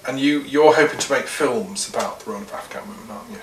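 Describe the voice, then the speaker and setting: A host conducts an interview, guiding the guest along with brief questions and frequent acknowledgements. The voice sits at a moderate pitch and is recorded from a distance in a large, reverberant room. Faint background noise stays underneath. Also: quick pace. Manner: friendly, prompting with short questions and murmured acknowledgements. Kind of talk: casual interview chat.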